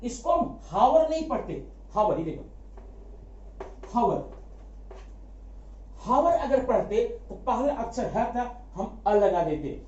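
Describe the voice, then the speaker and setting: A man teaching a grammar lesson, asking quick rhetorical questions, answering them himself and repeating key words for emphasis. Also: very high voice, sing-song, a little mellow, a little hiss or hum. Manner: addresses students familiarly as brother. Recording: echoey room, dull lo-fi sound.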